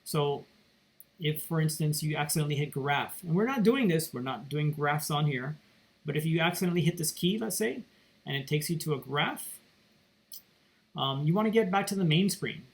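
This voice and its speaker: A man's voice: fairly high pitch, lively intonation, normal speed, vocal fry, rough recording. A man teaching math, walking students through calculator steps in a casual, think-aloud way while seated at his computer. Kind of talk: recorded calculator tutorial lecture. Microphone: computer mic.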